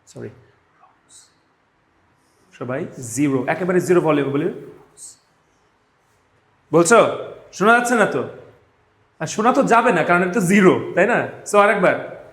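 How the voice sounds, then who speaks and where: A spoken English teacher with a Bangladeshi accent leads a live class with drills in an indoor classroom, his high, fairly bright voice swinging widely in pitch. He is unhurried and pauses often, emphatically repeating phrases and checking that students follow. The room is echoey.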